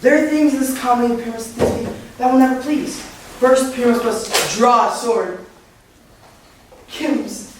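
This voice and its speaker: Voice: mid-range voice, moderate pace, slight background noise, natural voice. A performer playing a bossy, self-important amateur actor who fusses over a play, speaking on stage. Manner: bossy, fussy. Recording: echoey hall from far off.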